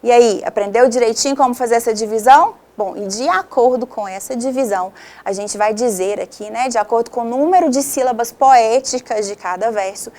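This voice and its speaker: A woman's voice: fairly high pitch, fairly quick, a little mellow. A woman teacher with a Brazilian Portuguese accent, giving an online video lesson and explaining patiently step by step, often checking in with the listener.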